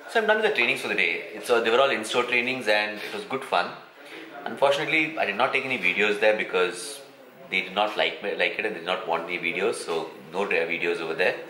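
A man's voice: lowish voice, expressive, quick pace, pushed and bright, echoey room. A man in his forties with an Indian English accent, chatting to camera in a casual cycling vlog and explaining things step by step. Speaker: cycling vlogger. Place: hotel room, car and street at night. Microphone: handheld camera at arm's length.

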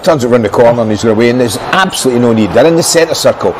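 A man's voice: medium pitch, animated, racing, slight background noise, rough recording. An older man giving blunt, opinionated football analysis in a TV studio on a lapel mic. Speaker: football pundit.

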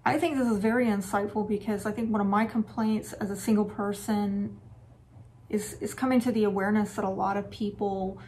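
A woman's voice: mid-range voice, fairly even intonation, fairly quick, darkish tone, slight background noise. Frank woman giving dating advice. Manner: frank, conversational, lightly sarcastic. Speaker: relationship and dating advice host. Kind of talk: casual advice talk to camera.

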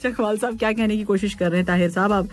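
A woman hosting a casual radio show, reading listener messages, playful and quick to laugh and tease. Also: mid-range voice, steady tone, faint music behind. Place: radio studio.

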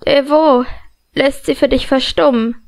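A woman voicing a cryptic young male telepath in an audiobook, speaking slowly in detached riddles. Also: sits high, fairly even intonation, creaky, a little mellow. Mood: dreamy. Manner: slow, detached, riddling speech. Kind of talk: audiobook character voice.

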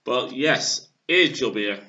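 A man in his thirties from England, casually reviewing a beer at home on a webcam, with plenty of hesitant fillers. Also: mid-range voice. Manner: halting, filler-heavy, relaxed. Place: small room at home. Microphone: webcam at desk. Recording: dull lo-fi webcam audio.

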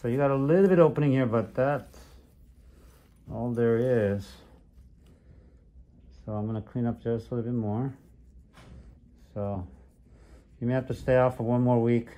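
A man's voice: mid-range voice, normal speed, long pauses, mellow. A man, a foot doctor, chatting encouragingly with a patient while cleaning a wound in a clinic. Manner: chatty, encouraging, many uh-huhs. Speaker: podiatrist. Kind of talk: casual chat while treating a patient. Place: clinic room.

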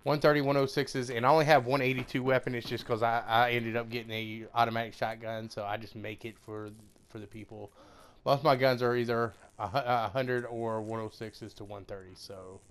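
A man's voice: medium pitch, flat delivery, a little fast, fairly bright tone. A man who makes gaming videos, talking casually to his viewers in an informal, buddy-like way. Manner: informal, familiar buddy-like address. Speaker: gaming YouTuber.

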